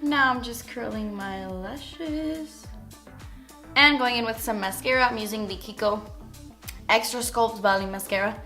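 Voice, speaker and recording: A woman's voice: fairly high pitch, a little slow, sharp tone, faint music behind. A young woman talking casually through a makeup tutorial as a beauty vlogger, chatty and full of "like" fillers.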